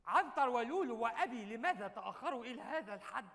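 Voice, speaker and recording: A pompous scheming suitor on stage. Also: male voice, extremely high pitch, lively intonation, fast, noisy background. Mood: scheming prayer. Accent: Egyptian. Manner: pompous mock-formal speech, wailing pleas. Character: scheming male suitor praying in grand classical Arabic. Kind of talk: live stage comedy. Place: theater stage. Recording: live theater hall reverb.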